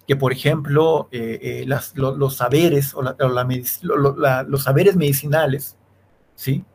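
Male law lecturer, interview guest. Halting, filler-heavy delivery that keeps checking the listener is following. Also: medium pitch, fairly even intonation, a little mellow, slightly rough. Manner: keeps checking in with a questioning "sí", many restarts and fillers. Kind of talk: academic explanation in an interview.

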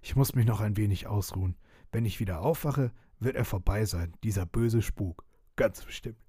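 A man's voice: on the low side, normal speed, warm tone, slightly rough, dry recording, studio quality. A man voicing a confused, vengeful old vampire knight who stammers and speaks in stiff, old-fashioned formality, in a read-aloud storybook. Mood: bewildered. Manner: stammering, archaic formal speech. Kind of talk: storybook reading.

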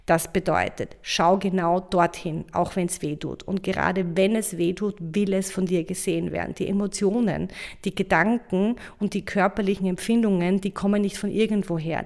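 Woman host, mid-pitched, casual motivational talk straight to the listener. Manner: warm coaching tone, addresses listener directly with frequent "ja?". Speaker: podcast host and hula hoop coach.

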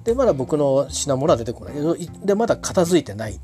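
A man's voice: a little high, big pitch swings, brisk, warm tone, faint music behind. A man telling a casual anecdote in a rambling way, full of fillers and restarts.

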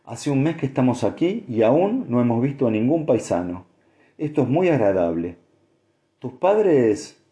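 A man's voice: very animated, a little slow, mellow. A man voicing a plump, motherly older farm woman who scolds her husband and fusses kindly over a girl, in an audiobook. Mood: indignant. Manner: scolding yet tender, higher-pitched. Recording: echoey room.

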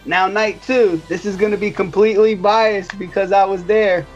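A man's voice: sits high, fairly even intonation, normal speed, soft background music. Earnest male guest on a dull line. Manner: earnest, repeats words as he goes. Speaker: podcast guest. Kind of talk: casual wrestling podcast chat.

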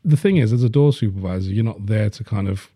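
Man, blunt and sweary, dark voice, dry close sound. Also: lowish voice, fast, no room sound. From Leicester, England. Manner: blunt, swears freely, many fillers. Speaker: podcast host. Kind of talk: casual chat.

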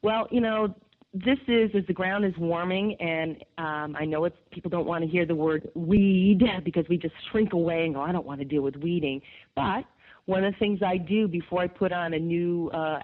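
A woman from upstate New York with a gravelly voice, chatting enthusiastically as a garden expert guest in a radio interview, with lots of fillers. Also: fairly low pitch. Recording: tinny phone line.

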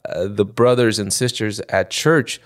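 A man in his sixties from Ecuador, a podcast guest talking off the cuff in halting, restarting phrases. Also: lowish voice, fairly even intonation. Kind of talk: spontaneous conversation.

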